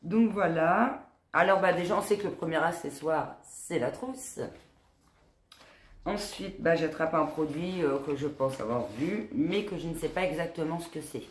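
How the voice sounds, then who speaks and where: Her low, husky smoker's voice sounds nasal and congested as this woman in her forties, a beauty-box unboxing vlogger, chats to camera at a moderate pace. She comes across as tired but talkative and casual, sprinkling in "quoi" and "hein." There's a faint hiss or hum, and the room has an echoey, roomy sound.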